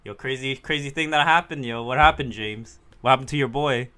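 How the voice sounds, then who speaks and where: A man's voice: mid-range voice, brisk, bright, forceful tone, clear, resonant tone. A man hosting a casual podcast, talking like a hyped frat bro with slang and lots of yo and bro. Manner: frat-bro slangy hype talk, peppered with yo and bro. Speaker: podcast host.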